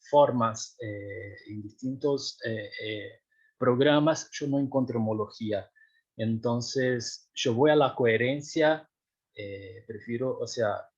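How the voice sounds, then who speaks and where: Speaking at medium pitch in a slightly rough voice over dull audio, a young Portuguese-speaking PhD researcher describes his work to a seminar. He hesitates a lot, restarting and filling gaps, and keeps checking whether listeners follow.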